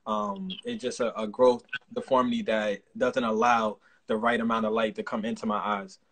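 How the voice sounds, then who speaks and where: A man's voice: lowish voice, flat delivery, normal speed, a bit bright, slight background noise, low-quality recording. A man interviewing a singer on a livestream in an earnest, encouraging way, with lots of fillers.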